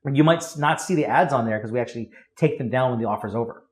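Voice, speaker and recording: A man speaking as a guest on a podcast, a copywriter explaining his methods in casual, high-energy interview talk. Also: quick pace.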